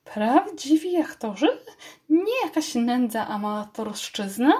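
Vain little female mouse, squeaky, dramatic, high-pitched storybook voice, woman doing it. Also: big pitch swings, slow pace, darkish tone. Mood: theatrical.

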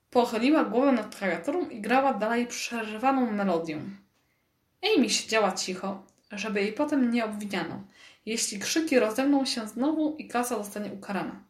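A woman narrating a children's storybook in a lively, expressive reading, recorded with a roomy echo. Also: on the high side. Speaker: audiobook narrator.

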